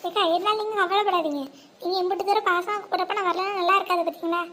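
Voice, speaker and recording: Cartoon village housewife acted by a woman: gossipy, crafty, extremely high voice, rural Tamil Nadu accent, faint ambient noise. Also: fairly even intonation, rapid-fire, fairly bright tone. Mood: chatty. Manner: colloquial, exclamatory.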